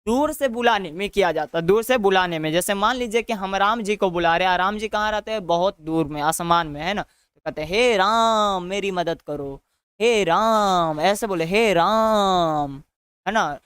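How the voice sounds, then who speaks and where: A man's voice: sits high, a little fast, fairly bright tone, smooth, no room sound. A male teacher with a Bihari Hindi accent, giving an online grammar lesson by asking questions and answering them himself, often adding a tag question. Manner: drills students with repeated questions and answers.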